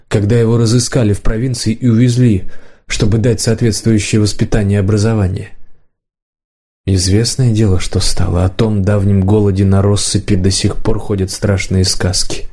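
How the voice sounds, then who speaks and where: A male audiobook narrator reads in a steady, measured way. His voice sits low, with a dark, mellow tone. The pacing stays even from line to line.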